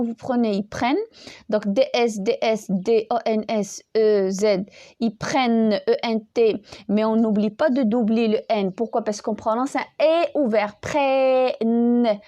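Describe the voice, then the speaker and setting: A woman's voice: on the high side, mellow. A woman teaching a French grammar lesson, patiently spelling out verb endings letter by letter and often repeating herself. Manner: repeats words and restarts often.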